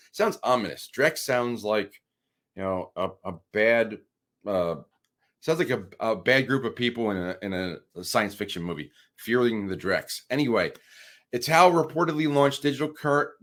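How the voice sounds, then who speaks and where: A man's voice: mid-range voice, a bit bright. A man hosting a crypto channel, reading news articles aloud with wry asides and frequent restarts.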